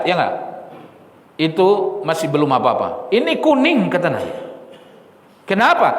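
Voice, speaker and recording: A man's voice: high voice, fairly bright tone. A male preacher giving a study sermon in a mosque, repeating key lines and asking the listeners rhetorical questions. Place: mosque hall. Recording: echoey hall with long reverb.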